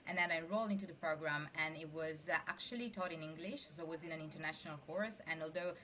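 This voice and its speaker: A young adult Sicilian woman, a venture capital investor, chats animatedly as a guest in a casual interview, speaking with an Italian accent. Her low voice is fast, pushed and bright, and there's a little hiss or hum on the recording.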